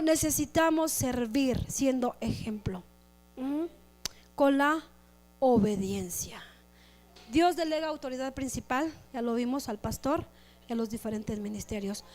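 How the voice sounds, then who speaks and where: Woman pastor, high voice, lively preacher who slips into quick character asides. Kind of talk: sermon.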